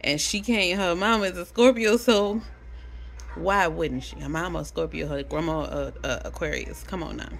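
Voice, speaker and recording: A young adult woman vlogging, telling a casual story to camera, animated and chatty, swearing freely. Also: fairly low pitch, normal speed, gravelly, slight background noise.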